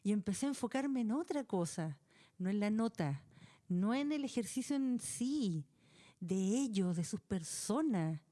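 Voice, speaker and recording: A middle-aged Chilean woman telling a personal story as a podcast guest, colloquial and animated. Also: mid-range voice, measured pace.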